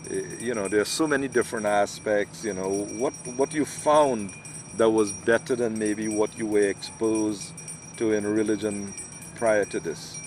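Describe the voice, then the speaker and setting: A man hosting an interview, asking questions in a measured way with hesitant restarts. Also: fairly low pitch, steady tone. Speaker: host. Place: outdoors, in hills. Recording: noisy outdoor recording.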